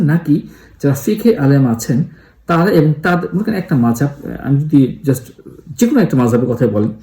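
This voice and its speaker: A man gives a casual explanatory lesson on Islam. He thinks aloud with frequent pauses, drops in English words and works through spoken examples. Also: a little high, warm tone. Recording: echoey room.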